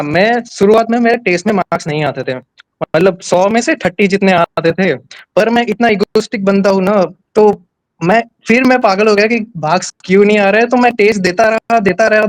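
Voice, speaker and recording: A man's voice: sits high, no echo, rough recording. A young man from Gujarat, a nurse and exam topper, telling his story candidly and plainly, with many restarts. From Gujarat, India. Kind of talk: casual interview.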